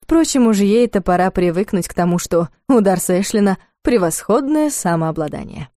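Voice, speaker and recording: A woman narrating an audiobook in a soft, intimate and even-paced reading. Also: mid-range voice, moderate pace, no echo, studio quality.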